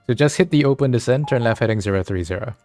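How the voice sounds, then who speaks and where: A man's voice: medium pitch, expressive, quick pace, a little mellow, soft background music. A man acting as air traffic controller, giving clipped radio instructions to pilots.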